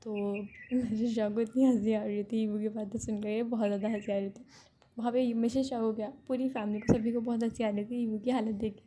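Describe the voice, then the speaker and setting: A woman's voice: fairly high pitch, steady tone, a little fast, mellow, a little hiss or hum. A woman casually retelling a fan fiction story, chatty, often correcting herself mid-sentence. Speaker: narrator.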